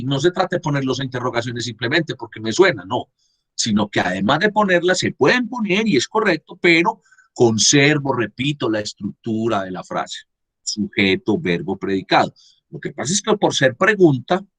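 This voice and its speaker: Husky guy teaching over a video call, voice rises and falls a lot, keeps asking if students follow. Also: medium pitch, big pitch swings, normal speed, a bit bright. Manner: repeats and asks "¿sí?" to check understanding. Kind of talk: online class explanation.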